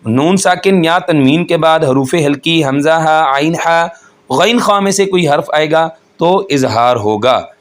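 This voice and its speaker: A man teaching Quran recitation rules, explaining each point slowly and patiently and chanting the verses in a melodic voice. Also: on the high side. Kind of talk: tajweed lesson with chanted recitation.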